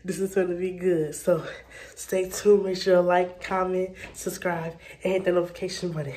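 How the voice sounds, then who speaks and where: A woman vlogger talking in a casual, slangy way, loudly mock-arguing at home. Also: on the low side, moderate pace. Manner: animated, brash slangy talk, mock arguing. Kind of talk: casual vlog chat and prank. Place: home, indoors. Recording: echoey room.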